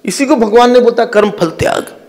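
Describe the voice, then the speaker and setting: A man giving a scripture discourse as a swami, animated and teaching with laughs and quoted voices. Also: very high-pitched, moderate pace, in a large hall. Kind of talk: sermon.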